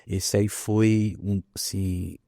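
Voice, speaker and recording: A man, a pastor telling a healing story in an animated, emphatic way. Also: on the low side, drawn-out words, vocal fry, no room sound, studio quality. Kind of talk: testimony in a conversation.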